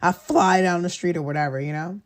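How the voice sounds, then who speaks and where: A woman hosting a podcast, telling a personal story in a casual, candid way, animated and often laughing. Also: on the low side, brisk. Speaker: podcast host.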